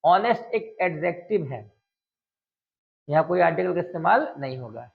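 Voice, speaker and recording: A man's voice: a little high, expressive, creaky, narrow, tinny audio. A male English teacher, teaching a classroom grammar lesson and firing constant questions at his students. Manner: drawls out example sentences slowly.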